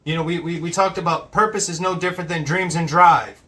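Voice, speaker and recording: A man's voice: on the high side, steady tone, a little fast, pushed and bright, distant mic. A man co-hosting a casual podcast reaction, blunt and laid-back in tone. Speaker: podcast co-host.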